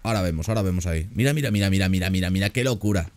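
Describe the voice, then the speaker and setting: A man giving casual, excitable commentary while playing a zoo game, often repeating words in quick bursts. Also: low-pitched, slight background noise. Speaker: gaming YouTuber reacting to a zoo build.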